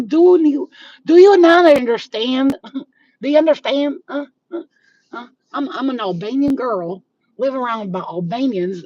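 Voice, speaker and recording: A woman's voice: fairly high pitch, mellow, breathy edge. A woman, a spiritual healer ranting bluntly and profanely to her viewers. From New York. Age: 40s. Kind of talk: casual rant to viewers. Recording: slightly dull, faint background noise.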